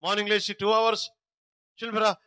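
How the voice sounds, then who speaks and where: Fervent high-voiced male preacher. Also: completely flat delivery, brisk, pushed and bright, no echo. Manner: fervent, exhorting crowd to respond. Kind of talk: open-air sermon. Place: outdoor meeting ground.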